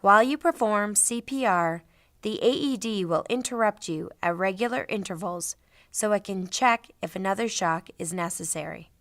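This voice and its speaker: A middle-aged woman narrating a scripted training demonstration in a clearly enunciated, instructional manner. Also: medium pitch, normal speed, a bit bright, no room sound, studio quality. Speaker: instructor, presenter.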